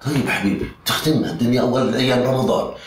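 An actor with a Jordanian Arabic accent playing a friend who needles and then calms an angry man. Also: medium pitch, very fast, reverberant, noisy background, natural voice. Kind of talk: sketch comedy acting.

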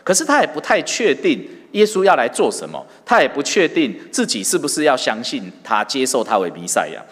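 Animated male preacher in a reverberant hall. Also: mid-range voice, fairly quick. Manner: lively storytelling with rhetorical questions to the listeners. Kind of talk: sermon.

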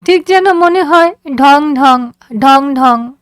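A woman voicing a sweet, playful, feverish seventeen-year-old girl in a high, childlike, drawn-out voice. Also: no echo, clean studio sound.

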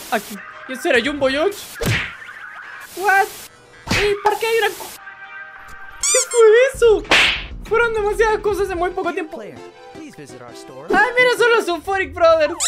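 Woman, very high voice, excitable reaction commentary, music clearly audible behind. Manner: animated, full of gasps and exclamations. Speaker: reaction video host. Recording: background music under the voice.

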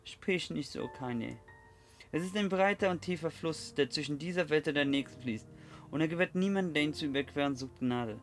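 A man voicing a small but fierce old grandmother who scolds gruffly and talks with stern earnestness. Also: fairly high pitch, moderate pace, soft background music, natural voice.

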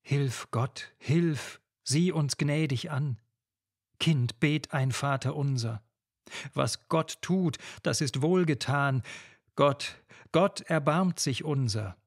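A man's voice: fairly high pitch, slow. A man voicing a pious old mother who pleads and prays with her daughter in a classic ballad reading. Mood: pleading. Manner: imploring, praying.

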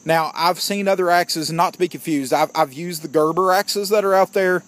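A man with a fairly high, bright voice reviews outdoor gear at a normal pace in a casual vlog, plainspoken and opinionated, often calling his viewers "guys." Crickets chirp in the background.

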